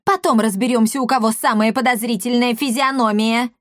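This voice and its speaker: A woman voicing a spiteful, shrill middle-aged mayor's wife in a storybook reading, sneering and commanding. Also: steady tone, fairly quick, no echo, clean studio sound, close to an everyday voice.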